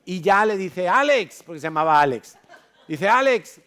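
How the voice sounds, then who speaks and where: A man's voice: fairly high pitch, normal speed, fairly bright tone, clean tone. A man from Spain preaching in church, telling a story with acted-out dialogue. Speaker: pastor. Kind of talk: sermon.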